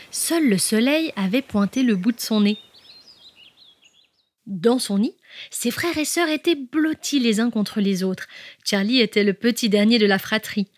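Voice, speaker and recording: Gentle woman reading a children's story. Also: fairly high pitch. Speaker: storyteller and podcast host. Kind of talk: children's bedtime story narration.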